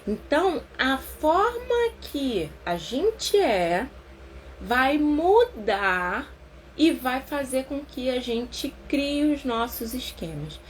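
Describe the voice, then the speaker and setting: A Brazilian woman therapist leading a casual live book-club talk, chatty and expressive, slowing down to stress her points. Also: sits high, slight background noise. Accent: Brazilian Portuguese.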